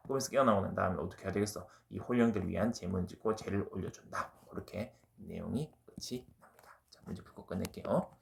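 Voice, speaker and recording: A man teaches a casual exam-prep literature lesson, talking fast in a lowish voice. His tone is gravelly. He keeps checking in with his listeners and slips into slang as he goes. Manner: chatty, keeps asking "right?" and drops into slang. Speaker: Korean literature lecturer.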